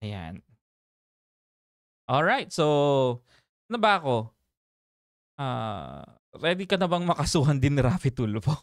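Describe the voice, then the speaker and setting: Animated, chatty livestream host man. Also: medium pitch, slow pace, pauses often, no room sound, studio quality. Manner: animated and chatty, laughs often, reads viewer names aloud. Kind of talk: casual livestream chat.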